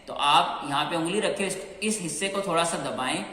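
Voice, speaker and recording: A man teaching Qur'anic letter pronunciation in a patient, step-by-step way, repeating sounds and slowly drawing out each letter. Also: fairly high pitch, bright, forceful tone. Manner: slow, clear, repeats sounds and drawn-out chanted letters. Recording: echoey room with long reverb.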